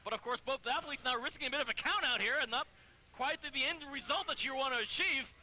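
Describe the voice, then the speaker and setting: A man with a very bright, forceful, high voice gives colour commentary on wrestling. He is wordy and wry, with faint venue ambience behind him. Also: fast.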